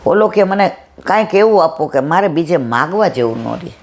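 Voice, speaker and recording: A mid-pitched speaker delivers a devotional talk built on folk stories. The voice jumps up and down to play the people in each tale. It stretches out each moral in a slow, weighty drawl. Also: animated.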